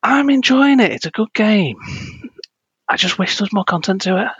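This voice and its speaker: A man's voice: sits high, animated, normal speed, a bit bright, breathy edge, no room sound, muffled recording. A young man co-hosting a casual gaming podcast, ranting in a self-deprecating way. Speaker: podcast co-host.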